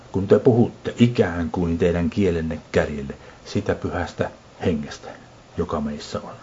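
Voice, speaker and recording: A middle-aged man preaching in a slow, deliberate teaching manner, stacking up lists. His voice sits low and sounds dark and husky. The recording is muffled and lo-fi. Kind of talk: sermon teaching on speaking in tongues.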